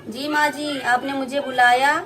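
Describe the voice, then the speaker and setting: A fairly high, soft-spoken young bride, voiced by a young woman pleads in a homemade puppet play. Her lines are humble and submissive. A faint hiss runs behind her. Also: flat delivery, measured pace. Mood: pleading. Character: poor, meek young daughter-in-law.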